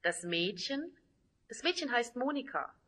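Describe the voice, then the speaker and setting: A woman slowly reading out a German vocabulary list, single words and short example sentences with pauses between them. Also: fairly high pitch, big pitch swings, fairly bright tone.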